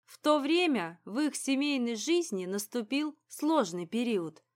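A woman reading an audiobook in a calm, even storytelling manner. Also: on the high side, a little slow. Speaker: audiobook narrator. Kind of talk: scripted audiobook narration.

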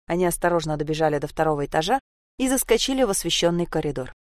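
A woman narrating a story aloud in an even, storytelling manner. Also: deep voice, racing, dry recording, studio quality. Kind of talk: audiobook story reading.

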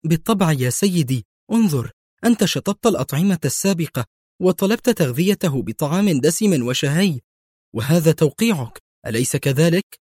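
A man's voice: fairly high pitch, animated, brisk, a little mellow, husky, no room sound, clean studio sound, voice pushed up. A man voicing a flustered female nurse who answers nervously and apologetically.

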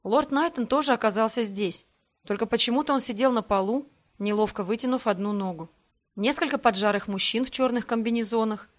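A woman narrating a first-person fantasy audiobook in an expressive voice with dry irony. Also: fairly high pitch, brisk.

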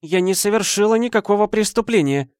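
A man's voice: fairly high pitch, moderate pace, a little mellow, no room sound, clean studio sound, pitched above the performer's own voice, lightly acted. A man voicing a grieving middle-aged mother who pleads with her son. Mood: desperate. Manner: pleading, emotional.

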